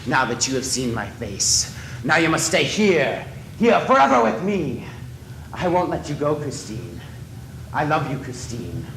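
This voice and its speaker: A man playing a disfigured masked man, obsessive and possessive, in a stage play, swinging from soft pleading to shouting rage. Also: mid-range voice, very animated, measured pace. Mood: anguished, raging. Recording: echoey stage from a distance, faint noise.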